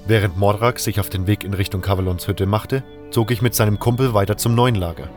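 A man narrating a first-person fantasy story in a steady, even way. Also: on the low side, fairly quick, soft background music. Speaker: audiobook narrator.

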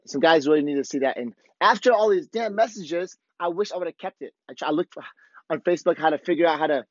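Man, worn-out hoarse voice, candid sweary podcast monologue, casual, rambling, muffled lo-fi sound. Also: on the high side. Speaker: podcast host. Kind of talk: casual, profane motivational monologue. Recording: dull, lo-fi, roomy echo.

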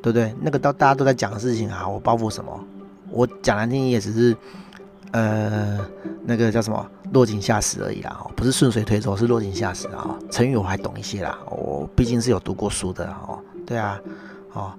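A man's voice: fairly low pitch, fairly even intonation, fairly quick, vocal fry, music in the background. A middle-aged man with a Taiwanese Mandarin accent, hosting a casual monologue and ranting with sarcastic, mocking asides. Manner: sarcastic, mocking rant with constant tag particles. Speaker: podcast host.

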